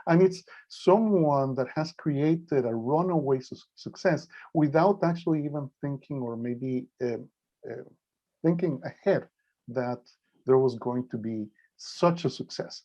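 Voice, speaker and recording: A man's voice: medium pitch, mellow. Hesitant man, slightly weak voice, dull audio. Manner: hesitant, halting delivery. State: slightly weak voice from a mild cold. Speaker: guest lecturer. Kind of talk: informal online presentation. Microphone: video call. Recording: dull, lo-fi video call audio.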